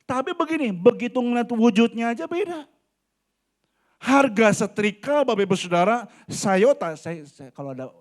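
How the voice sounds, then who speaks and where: A man's voice: sits high, darkish tone. A man in his forties preaching a sermon in a church, talking animatedly and often addressing the congregation directly. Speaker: pastor. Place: church hall.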